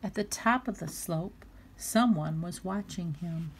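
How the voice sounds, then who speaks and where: A woman reading a children's storybook aloud, expressive and lively. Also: fairly low pitch, unhurried, a little hiss or hum. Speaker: storybook reader.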